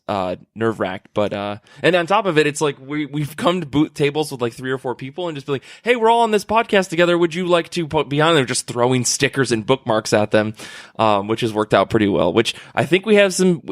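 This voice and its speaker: A man's voice: medium pitch, dry recording, clean studio sound. A man co-hosting a comic book podcast, telling stories in casual chat. He laughs often and swears now and then. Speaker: podcast co-host. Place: comic convention, recorded on site.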